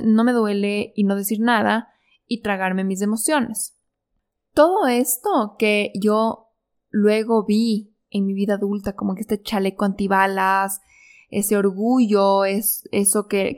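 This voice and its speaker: A woman's voice: medium pitch, darkish tone. A woman telling a reflective personal story in an earnest, confiding way. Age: adult. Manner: earnest, confiding, many fillers and restarts. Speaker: speaker sharing personal growth story.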